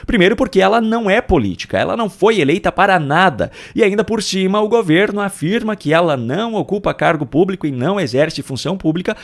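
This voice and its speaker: Casting: male Brazilian political video host, fairly high voice, deliberate and emphatic scripted delivery. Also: animated.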